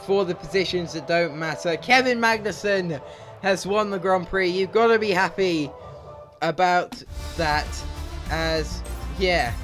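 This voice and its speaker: A young man with a high-pitched voice, recorded in low quality, delivers breathless, urgent play-by-play of his own racing game as a gaming YouTuber, calling each move as it happens. Game music plays clearly beneath his voice.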